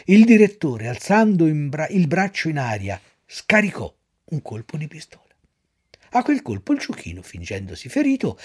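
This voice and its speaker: A man reading a storybook aloud in an animated, dramatic way. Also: medium pitch, breathy edge.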